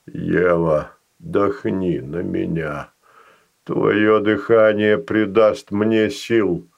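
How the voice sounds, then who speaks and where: Give me a deep, hushed ice golem, put on by a male narrator, kind and wise, pausing after nearly every word. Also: steady tone, gravelly, highs cut off, exaggerated voice. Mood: gentle. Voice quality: faint rustling voice. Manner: slow, halting, pauses between words.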